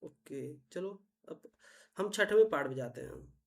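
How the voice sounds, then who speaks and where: A woman teacher, patiently explaining reasoning puzzles step by step and often asking if it is clear. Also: on the low side, lively intonation, measured pace. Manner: patient, repetitive, checks understanding often.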